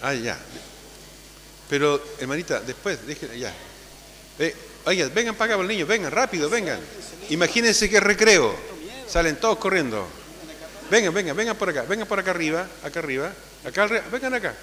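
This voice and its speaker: A man, a priest giving a conversational homily at Mass, often tagging his sentences with a questioning "ah?" and calling loudly when he gathers the children. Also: a little high, very animated, a little fast. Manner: conversational, tags phrases with "¿ah?". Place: church. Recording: long church reverb with faint hum.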